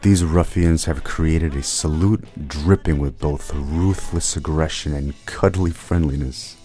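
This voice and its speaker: A man's voice: extremely low pitch, a little slow, warm tone, soft background music. A man narrating a documentary in a wry, mock-grand scripted style.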